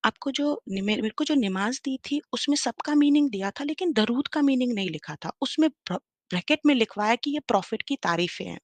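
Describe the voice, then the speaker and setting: A woman in her thirties telling her personal story as a guest on a live stream, lively and mixing English phrases into her speech. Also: a little high, a little fast, few pauses, no room sound. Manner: animated, mixes English into Hindi, many fillers. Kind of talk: personal testimony, casual storytelling.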